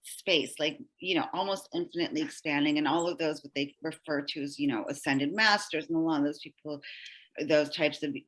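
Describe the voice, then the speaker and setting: A woman with a low-pitched yet bright, forceful voice speaks as a podcast guest. She tells her story in a loose, rambling way, full of "like" and "you know" fillers. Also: fairly quick, low-quality recording. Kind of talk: casual storytelling interview.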